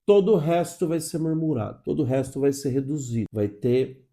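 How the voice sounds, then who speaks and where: Mellow-voiced Brazilian man teaching. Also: medium pitch, a little fast. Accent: Brazilian Portuguese. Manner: didactic, checks in with frequent "tá?" and "ok?" tags; asks and answers his own questions. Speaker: English teacher. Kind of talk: explanatory online lesson.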